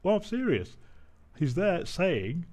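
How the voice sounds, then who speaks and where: A man's voice: on the high side, very animated, slow, darkish tone. A man giving casual commentary as a vlogger, amused and often breaking into laughter while he reads out a news article.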